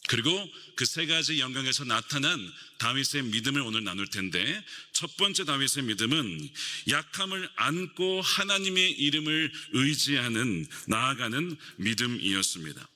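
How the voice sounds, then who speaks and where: A man's voice: mid-range voice, expressive, normal speed, pushed and bright, long reverb tail. A middle-aged man preaching a sermon as pastor, emphatic and asking rhetorical questions of the congregation in a church sanctuary.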